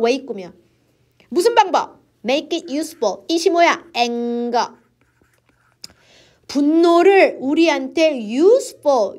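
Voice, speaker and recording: A woman teaching English reading for an exam, explaining lively in a mix of English and Korean. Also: sits high.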